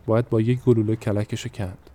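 A man's voice: on the low side, little pitch movement, warm tone, close to an everyday voice. A man voicing a male bystander in a spoken story, protesting with urgency. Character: brusque male bystander who wants the horse shot.

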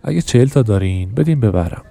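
A man reads an anxious male official from an audiobook. His speech is hesitant and his voice stays low and mellow. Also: lively intonation, vocal fry. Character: nervous male government official. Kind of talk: audiobook reading.

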